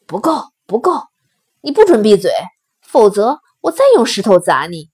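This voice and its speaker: A woman voicing a greedy, bossy grown man who shouts demands and threats. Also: medium pitch, big pitch swings, normal speed, husky.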